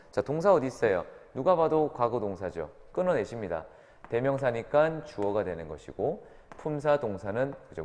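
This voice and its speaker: Animated male grammar lecturer, reverberant room. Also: lowish voice. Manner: questioning students, repeating tag questions. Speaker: English teacher.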